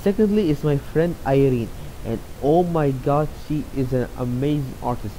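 A young artist from Saudi Arabia, guesting in an interview, loosely rambles through answers to read-out questions, with many fillers and restarts. His voice is medium-pitched and dark, at normal speed. Audio quality is poor, with a little hiss or hum.

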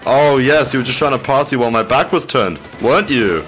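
A man streaming a shooter game, chatting casually with a teammate in excitable bursts and frequent laughs. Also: mid-range voice, a little fast, faint music behind. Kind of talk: casual gaming chat.

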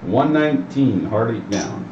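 A man's voice: fairly low pitch, lively intonation, unhurried. A man working as a craps dealer, calling rolls and payouts in short, matter-of-fact table calls. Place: indoor room at a craps table. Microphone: distant from the speaker. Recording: distant roomy mic, dull, noisy room hum.

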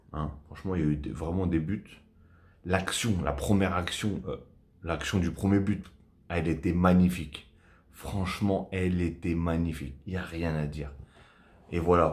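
Deep-voiced man chatting about football. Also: darkish tone. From Portuguese heritage. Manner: chatty, repetitive fillers, enthusiastic. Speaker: football vlogger. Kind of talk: casual match debrief to camera. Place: small room at home, indoors.

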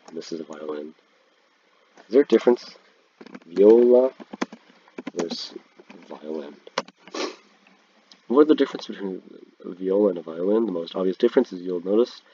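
Over a screen recording, a congested teenage guy casually ranks instruments using slangy, easygoing speech. His low voice has a dark tone and a breathy edge, captured in a dry, dull, lo-fi recording.

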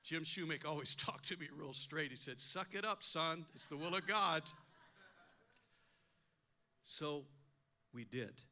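A man's voice: on the high side, unhurried, long pauses, pushed and bright. An older man preaching a sermon as a pastor, telling a personal story with emphatic delivery, acting out the voices he quotes and often repeating words. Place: church.

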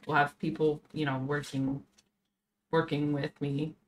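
A woman's voice: low-pitched, level tone, unhurried, slight background noise. A woman in her twenties hosting a podcast, chatting casually and thinking aloud earnestly, at home on a desk mic. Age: 20s. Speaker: podcast host. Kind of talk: casual chat. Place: home streaming room.

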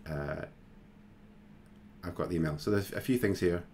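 A man hosting a screen-recorded software tutorial, talking casually and thinking aloud with plenty of fillers. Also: deep voice, moderate pace, a little hiss or hum. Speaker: tutorial host.

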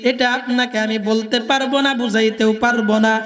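A man's voice: very high voice, level tone, normal speed, fairly bright tone, big-room sound, soft background music. A man preaching a sermon in a Jamalpur Bengali accent, in a singsong delivery that keeps quizzing the crowd.

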